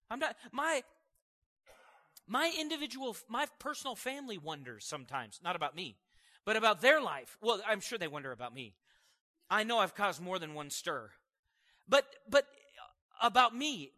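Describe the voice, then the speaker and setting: Man, high bright voice, casual animated sermon delivery with asides to the room. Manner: conversational and animated, asking the audience questions, laughing. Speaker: preacher.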